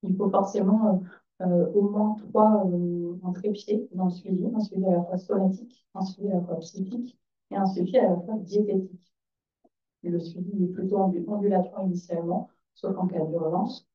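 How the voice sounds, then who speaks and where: A hoarse woman with a raspy, breathy, nearly lost voice giving a conference presentation as a child psychiatrist. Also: medium pitch, level tone, moderate pace. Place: conference room. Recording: echoey, distant, dull hall microphone.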